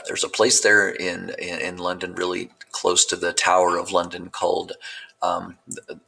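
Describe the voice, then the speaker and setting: A man's voice: sits low, vocal fry, husky, rough recording. A male teacher giving a recorded lecture, talking in a loose, meandering way with many fillers and restarts. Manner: relaxed, meandering delivery with frequent fillers and restarts.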